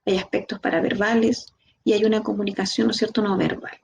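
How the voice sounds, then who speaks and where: Gravelly Chilean woman teaching a class. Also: mid-range voice, quick pace, a little hiss or hum. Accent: Chilean Spanish. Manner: lively, talks to the class directly with rhetorical questions. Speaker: instructor. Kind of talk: online training lecture.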